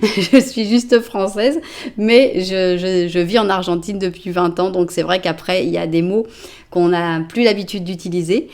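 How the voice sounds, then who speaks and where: A woman's voice: fairly low pitch, steady tone, moderate pace, darkish tone. A woman from France, in her forties, doing a chatty, reassuring tarot card reading and narrating each card as she draws it. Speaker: tarot reader.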